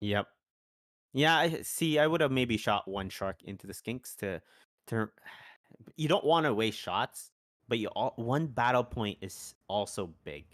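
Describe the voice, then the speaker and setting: A man commentating a live tabletop wargame tournament in casual style, relaxed and hesitant, with many ums and restarts and easy laughter. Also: mid-range voice, unhurried, no room sound, clean studio sound.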